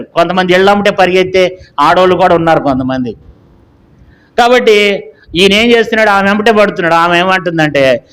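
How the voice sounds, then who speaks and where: A man preaching, his voice sitting fairly high. He retells a story as part of a sermon. He acts out its voices as he tells it. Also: a bit bright, smooth.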